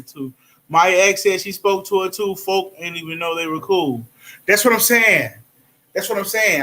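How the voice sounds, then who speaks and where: A man co-hosting a casual gossip chat, slangy and quick to laugh, repeating his points. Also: high voice, pushed and bright.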